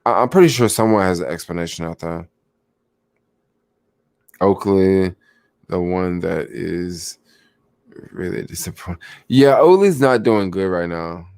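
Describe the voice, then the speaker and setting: Young dude livestreaming stock picks, kinda sleepy, lowish voice, rambly, lots of likes and you knows. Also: male voice, lively intonation, measured pace, pauses often, a little mellow, clean tone, no echo, clean studio sound. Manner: rambling, lots of fillers, reacts to chat. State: sleepy, yawning. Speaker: stock vlogger. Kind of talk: casual livestream chat about stocks.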